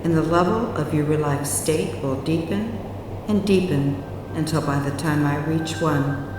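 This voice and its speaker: A low-pitched woman leads a guided hypnosis session as a soothing countdown. She speaks very slowly and evenly spaces out her words. Her voice sits in a deep wash of reverb. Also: background noise. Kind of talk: guided hypnosis meditation narration. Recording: very echoey, long reverb, distant. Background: music.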